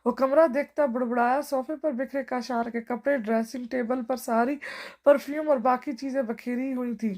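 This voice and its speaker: Woman reading a romance novel out loud, high voice, steady storyteller pace. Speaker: audiobook narrator.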